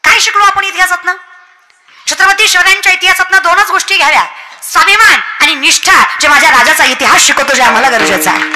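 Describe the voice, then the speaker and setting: A woman preaching a comic devotional kirtan, rousing and scolding her listeners with jokes. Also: very high voice.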